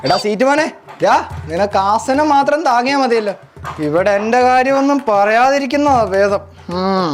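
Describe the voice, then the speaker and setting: A woman's voice: on the high side, lively intonation, normal speed, faint music behind, close to an everyday voice. A woman voicing a chatty, teasing bike part in a comedy sketch.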